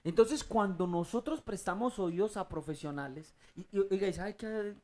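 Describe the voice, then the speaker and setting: Leading a Bible study group at a normal speed, this teacher speaks at a medium pitch with emphasis, asking the listeners questions, then supplying the answers, punctuated by loud surges that climb upward.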